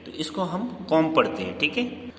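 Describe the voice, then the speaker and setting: A man's voice: fairly high pitch, wildly swooping pitch, normal speed, a bit bright, a little hiss or hum. Hindi-accented man teaching in an echoey room. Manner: repetitive, quizzing the viewers with questions and answers; stresses corrections emphatically. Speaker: English teacher. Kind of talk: screen-based grammar lesson. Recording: echoey room with long reverb.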